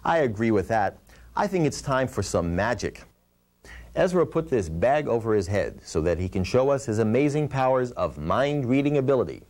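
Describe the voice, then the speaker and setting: A man's voice: mid-range voice, big pitch swings, moderate pace, darkish tone. A man hosting a puppet show as the ventriloquist straight man, asking questions in a patient, instructive way. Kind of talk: scripted puppet show patter.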